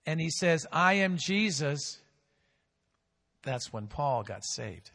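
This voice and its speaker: A pastor with a slightly higher-than-average male voice, sing-song, slow and full of vocal fry, delivers a sermon. He leads the congregation in call-and-response, swelling loud then sinking to a hush and stretching out key phrases, while a big hall adds long reverb.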